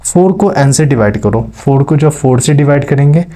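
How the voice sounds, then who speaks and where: A man's voice: fairly high pitch, expressive, a little fast, dark tone. A man teaching maths step by step, checking in with his students as he explains. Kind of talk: classroom lecture.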